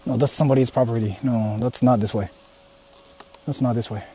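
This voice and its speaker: This Japanese man's mellow, medium-pitched voice stays fairly even in intonation and moves fairly quickly. Streaming a casual vlog as he travels around rural haunted spots, he talks to viewers, thinks aloud and swears plenty. The outdoor livestream is noisy.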